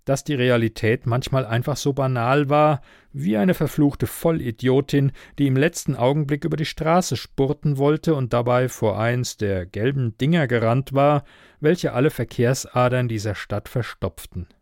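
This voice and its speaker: A man reads a first-person story aloud in a wry, even manner. His voice sits at a middle pitch and sounds close and dry, with no room echo. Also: moderate pace, creaky. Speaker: audiobook narrator. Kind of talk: scripted first-person narration.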